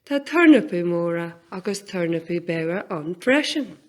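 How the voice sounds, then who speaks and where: A woman presenting simple scripted narration for young learners, in deliberate, repeated phrases. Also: on the low side, expressive.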